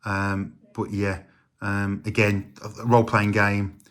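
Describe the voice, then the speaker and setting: A middle-aged man with a slightly low voice talks through his retro games in a relaxed, rambling way. He stops often with ums and uhs, like a casual home vlog. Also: takes it slowly. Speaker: retro game collector.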